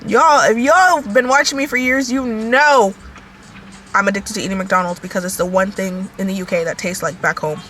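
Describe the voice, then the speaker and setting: A woman's voice: medium pitch, moderate pace. An American woman vlogging in casual chat, talking to her viewers as y'all, with plenty of fillers. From United States. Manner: chatty, talks to viewers as y'all, many fillers. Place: inside a moving car. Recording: loud car road noise.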